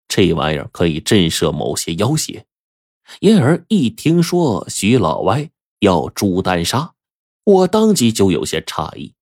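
Deep-voiced male storyteller, animated. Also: no echo, studio quality. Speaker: storyteller narrator. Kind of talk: first-person audiobook storytelling.

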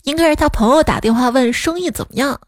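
A woman telling short comic anecdotes one after another, with wry, deadpan punchlines. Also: high-pitched, fast, no room sound, clean studio sound. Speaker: comedic storyteller. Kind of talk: reading funny anecdotes.

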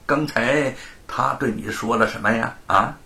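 A man's voice: mid-range voice, huge pitch swings, unhurried, fairly bright tone, exaggerated voice. A man voicing a spiteful, scheming rich villain who sneers and snickers. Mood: spiteful, sneering.

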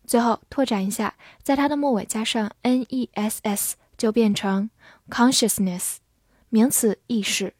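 A woman teaching English vocabulary, spelling each word letter by letter and reading example sentences slowly for practice. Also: fairly high pitch, darkish tone, dry recording, studio quality. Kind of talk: vocabulary lesson.

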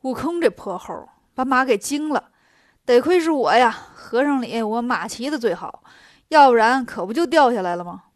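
A fussy, proper monk master who lectures about manners, as a woman storyteller voices him. The voice is fairly high and dry. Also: lively intonation, moderate pace, dry recording, lightly acted.

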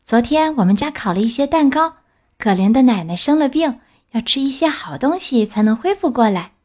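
Woman doing a bright little storybook girl. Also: a little high, animated, normal speed, pitched above the performer's own voice. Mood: cheerful. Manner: eager, innocent questioning. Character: sweet trusting little girl.

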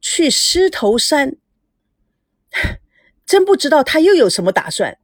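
A woman's voice: high voice, very animated, moderate pace, dry recording, clean studio sound, voice pushed up. A woman voicing a young female TV news reporter speaking on air. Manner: announcing on air.

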